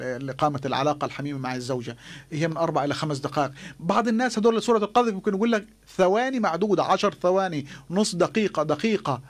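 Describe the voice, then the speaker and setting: A middle-aged man with a Palestinian Arabic accent, explaining emphatically as a doctor in a radio interview, often repeating his words. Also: on the high side. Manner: emphatic, repeats words, acts out patients' questions. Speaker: doctor, studio guest. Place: small radio studio, indoors. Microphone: desk studio microphone.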